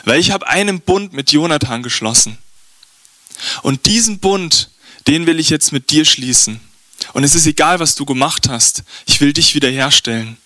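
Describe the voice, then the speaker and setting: This is a big-hearted king who welcomes an enemy's kin with eager reassurance, as a storyteller puts him on. The tone is bright and close-miked, with a fairly high voice. The room sound is dry. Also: moderate pace, no echo. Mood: earnest. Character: generous, warm-hearted male king.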